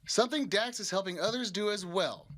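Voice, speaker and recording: Higher-voiced man narrating a news report. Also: fairly quick, pushed and bright, slight background noise.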